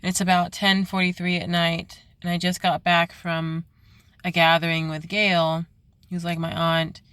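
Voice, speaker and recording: A young woman speaking earnestly in a confessional late-night vlog from her parked car, halting and restarting often. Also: fairly low pitch, little pitch movement, fairly bright tone, clean tone, no room sound. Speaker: vlogger.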